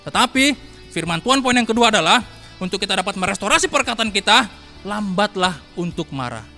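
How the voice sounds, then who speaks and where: High bright-voiced man preaching. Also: lively intonation, a little fast, big-room sound, faint music behind. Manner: emphatic, repeats phrases, addresses listeners as saudara. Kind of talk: morning devotional sermon.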